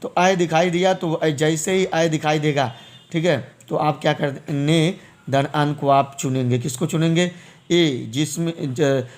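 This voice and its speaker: Man, teacher, slightly high voice, repeats terms, stretches vowels. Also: fairly even intonation. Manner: explains step by step, repeats terms, drawn-out vowel sounds. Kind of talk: exam-prep lesson.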